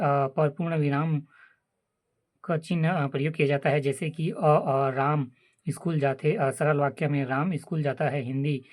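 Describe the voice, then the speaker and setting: A man from reading a grammar chapter aloud in a halting way, with many filler sounds and restarts. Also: on the high side. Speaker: teacher reading a grammar book.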